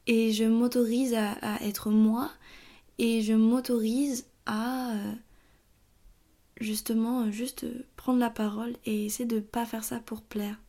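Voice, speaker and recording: A young woman hosting her own podcast, talking through her thoughts in a tired, halting way with many fillers and restarts. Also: fairly high pitch, level tone, warm tone. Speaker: podcast host. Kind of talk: casual personal monologue.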